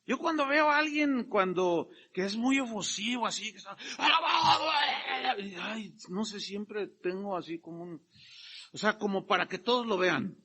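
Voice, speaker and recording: A middle-aged man preaching a sermon, emphatic and lively, acting out the quotes he reads. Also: high-pitched, normal speed. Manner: animated, emphatic, acts out quotes. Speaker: pastor.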